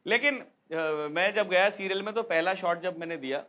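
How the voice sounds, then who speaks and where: A young man doing a stand-up comedy set, telling stories in an animated way and acting out the characters. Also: high voice, normal speed, heavy background noise. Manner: animated storytelling, acts out characters.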